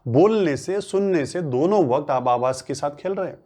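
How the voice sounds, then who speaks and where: A man's voice: a little high, lively intonation, normal speed, warm tone. A man whose first language is Marathi, teaching a spoken English lesson in Hindi. He asks questions, answers them himself, and repeats phrases for emphasis. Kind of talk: classroom-style lesson.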